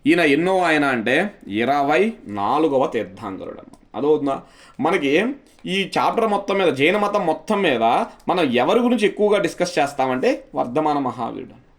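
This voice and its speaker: A male teacher giving an exam-prep lecture, repeating key terms and quizzing his students with questions. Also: on the high side. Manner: mixes English words into speech.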